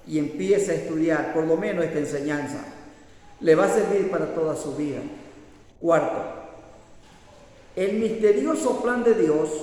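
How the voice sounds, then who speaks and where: High-voiced pastor preaching in an echoey hall. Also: male voice, darkish tone. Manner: preaching with repeated hallelujahs and scolding emphasis. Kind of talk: sermon.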